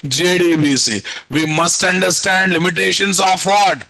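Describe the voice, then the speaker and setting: A man's voice: high voice, steady tone, measured pace, gravelly, pushed and bright. A man with a Telugu Indian accent teaching a live online programming lesson, dictating notes, repeating phrases and prompting students with questions. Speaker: programming instructor. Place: indoor room at a computer, video call.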